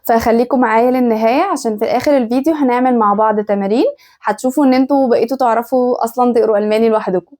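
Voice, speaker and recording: Woman, Egyptian Arabic accent, fairly high voice, casual teacher, slow drawn-out examples. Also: darkish tone. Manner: repeats example sounds slowly and deliberately. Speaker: German language teacher.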